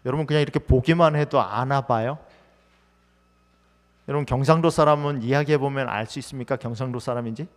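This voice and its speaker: A male pastor preaches in a church sanctuary, speaking at a medium pitch and a fairly quick pace. His sermon is conversational, full of questions to the congregation, and a long hall reverb fills the recording.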